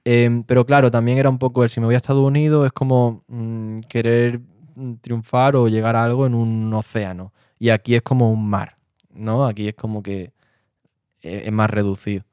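A man's voice: medium pitch, little pitch movement, normal speed, dark tone, clean tone, dry recording, clean studio sound. A man from Spain, an actor and director, telling his story in a casual interview. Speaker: interview guest. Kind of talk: casual chat.

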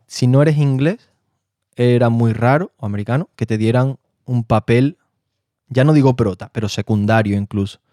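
An actor and director from Spain tells his story as a guest in a casual interview. His medium-pitched voice is mellow and unhurried, captured in a dry, clean studio recording.

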